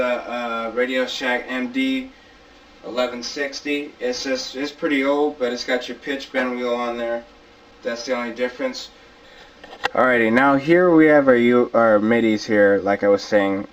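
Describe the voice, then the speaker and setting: A man hosts an informal, hands-on gear tutorial, walking through each step in colloquial language and repeating key points. His mid-range voice is steady and moderately paced. A distant mic gives dull, lo-fi camcorder sound with slight background noise.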